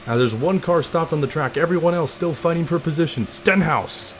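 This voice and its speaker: A young man streaming a racing game live, calling the action in an excitable, announcer-like play-by-play. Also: a little high, brisk, soft background music. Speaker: gaming streamer.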